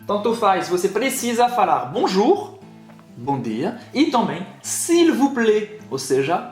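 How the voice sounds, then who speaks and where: Man co-host, lively up-and-down voice, echoey room with faint music. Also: high-pitched, slow pace. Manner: animated, adds short remarks and corrections. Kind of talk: casual explanatory video lesson.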